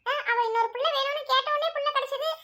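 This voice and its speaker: A woman voicing an excitable, devout female friend in a cartoon, gushing with excitement. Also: very high voice, very fast. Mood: excited.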